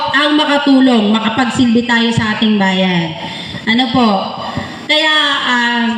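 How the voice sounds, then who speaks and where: A Filipino woman addresses trainees at a ceremony in a high, bright voice. She speaks as a rallying organizer, often prompting listeners to agree. Her voice rings with heavy echo in a large hall. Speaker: volunteer organization officer giving a graduation address. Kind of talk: motivational ceremony speech to trainees. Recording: echoey hall with long reverb, faint noise.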